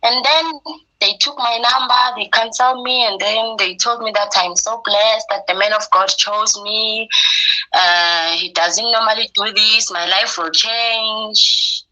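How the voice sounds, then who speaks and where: A young woman recounts her own story in an interview, speaking with a very bright, sharp tone. She acts out the lines she quotes and keeps her storytelling animated. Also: mid-range voice, unhurried, rough recording. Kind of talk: personal testimony in conversation.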